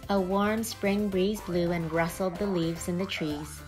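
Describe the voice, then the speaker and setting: A woman reading a children's picture book aloud in a gentle, expressive storytelling voice. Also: on the low side, unhurried, faint music behind. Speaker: storybook reader.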